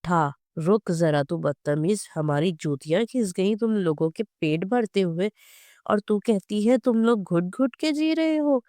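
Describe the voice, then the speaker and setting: A storyteller voicing a hot-tempered working-class mother who scolds and threatens her daughter, in a smooth, dry reading. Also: mid-range voice, expressive, measured pace, dark tone, dry recording, voice pushed up, close to an everyday voice. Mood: scolding.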